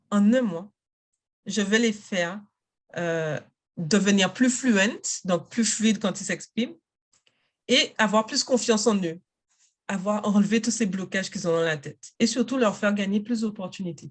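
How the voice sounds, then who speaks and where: A woman, a native English speaker, talking in a casual interview about coaching parents and adults in English, in an energetic and emphatic way. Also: mid-range voice, normal speed. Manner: energetic, emphatic, self-assured.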